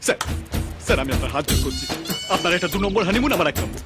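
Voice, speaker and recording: An actor playing an exasperated young newlywed who pleads in a comic film. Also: male voice, sits high, wildly swooping pitch, rapid-fire, over loud music. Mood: pleading. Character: anxious newlywed young man on his honeymoon. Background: film score.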